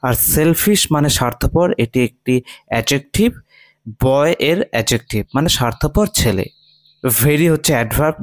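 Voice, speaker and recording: A man teaching English line by line in Bengali, reading English slowly and often checking "ঠিক আছে?". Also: medium pitch, no echo. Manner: reads English phrases slowly, then explains in Bengali.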